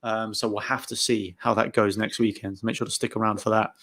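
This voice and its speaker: A young man from England hosting a live football watchalong, chatting casually and getting excited about the game. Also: on the low side, fairly quick. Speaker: channel host.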